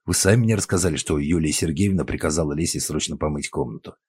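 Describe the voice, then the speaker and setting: A man voicing a calm, persistent male investigator who speaks in a measured way, with a husky voice. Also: extremely low pitch, no room sound, clean studio sound.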